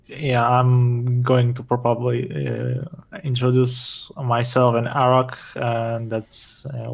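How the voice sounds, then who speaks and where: A man's voice: medium pitch, creaky. A man chatting casually as a tabletop game player, hesitant and thinking aloud.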